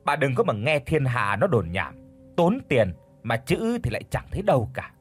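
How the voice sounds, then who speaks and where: A man's voice: medium pitch, very animated, moderate pace, slightly rough, faint music behind. A man voicing a stingy, grumbling old village landowner who talks bluntly and scornfully in an audio story.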